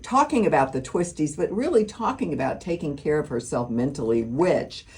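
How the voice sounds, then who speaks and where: A woman co-hosting a casual talk show, opinionated and quick to jump in over others. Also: low-pitched, expressive, noisy background. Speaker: co-host. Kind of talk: casual chat.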